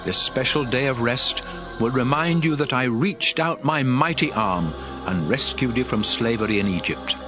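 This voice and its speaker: For a dramatized audio Bible, an actor with a medium-pitched voice plays a solemn, commanding male prophet, addressing his people with emphatic oratory.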